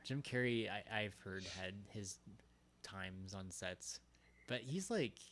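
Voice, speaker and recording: Halting young man with a lowish voice. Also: fairly bright tone. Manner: halting, searches for words. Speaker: podcast co-host. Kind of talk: casual chat.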